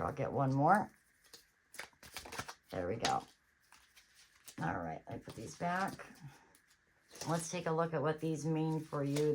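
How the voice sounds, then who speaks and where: A tarot reader gives a casual reading on her channel, chatty and reassuring as she thinks aloud. Her voice is low-pitched against a noisy background.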